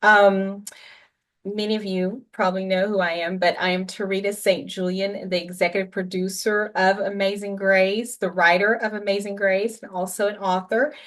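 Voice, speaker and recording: A woman, the executive producer and writer, speaking casually and warmly on a video call, saying "y'all". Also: medium pitch, flat delivery, moderate pace. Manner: warm and casual, uses y'all.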